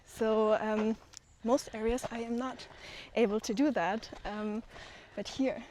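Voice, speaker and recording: A woman with a fairly high voice talks casually while walking uphill outdoors. She is slightly out of breath, drops in ums and laughs easily. Faint noise sits behind her. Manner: relaxed, pauses with frequent ums, laughs easily. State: a little out of breath from hiking. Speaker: community manager. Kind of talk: casual chat on a walking tour. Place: outdoors on hilly open land.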